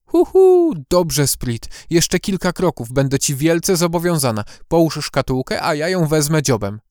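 A raised, hooting owl-woman warrior, as a male narrator puts her on, coaxing one moment and firm the next. The voice sits well above his own and carries a smooth, close storybook tone. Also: on the high side, big pitch swings, unhurried, darkish tone, no echo, voice pushed up. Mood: wheedling. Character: clever female owl-like warrior, coaxing yet stern. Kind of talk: audiobook character voice.

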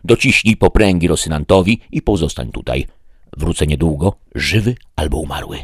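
A man voicing a proud, stubborn knight who declaims loudly and solemnly. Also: rumbling low, lively intonation, moderate pace, breathy edge, no echo, studio quality, exaggerated voice.

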